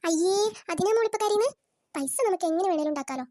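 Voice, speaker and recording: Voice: animated, fast talker, mellow. A performer voicing a bossy, scheming middle-aged mother-in-law in a cartoon, coaxing and sly. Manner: fussing, coaxing, then shrill and alarmed. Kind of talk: cartoon voice acting.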